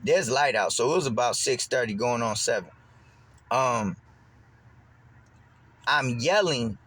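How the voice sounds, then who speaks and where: Young man vlogging a story, loose and rambling, lively when quoting others. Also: medium pitch, a little slow, breathy edge. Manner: rambling, repeats words and restarts, animated when quoting. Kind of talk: casual storytelling.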